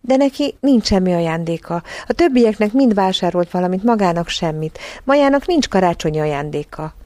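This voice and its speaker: A woman voicing an earnest young girl in a storybook reading, speaking insistently and higher than her narration. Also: lively intonation, warm tone, no echo, natural voice.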